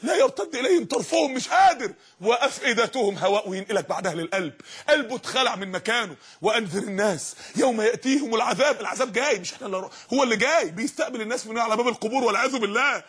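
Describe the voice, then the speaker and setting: A man preaching with an Egyptian accent, fervent and dramatic, rising to shouts and posing rhetorical questions. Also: high-pitched, racing, breathy edge. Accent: Egyptian Arabic. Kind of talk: impassioned sermon.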